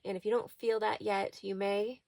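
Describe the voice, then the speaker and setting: Very creaky-voiced woman in a small trailer. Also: mid-range voice, flat delivery, moderate pace, a little mellow, no echo. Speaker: tarot reader and host. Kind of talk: casual spiritual check-in to viewers.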